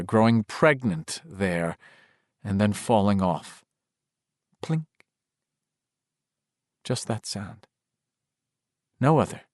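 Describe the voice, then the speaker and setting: Reading a horror audiobook, a man with a mid-pitched voice builds drama and suspense, shifting his intensity expressively. The recording is close-miked and dry.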